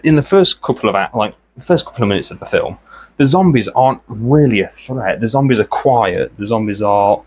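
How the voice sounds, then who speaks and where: Frequent throat-clearing punctuates the casual, wandering chatter of a male art-channel host as he works. His voice is lowish.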